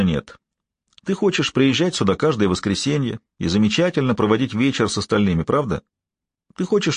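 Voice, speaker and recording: A man reading a soft, coaxing manipulative uncle. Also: fairly low pitch, breathy edge, dry recording. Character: soft-spoken manipulative man coaxing his young niece.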